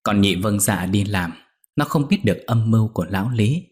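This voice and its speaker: A man narrating a scripted ghost story in a measured, steady way. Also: fairly low pitch.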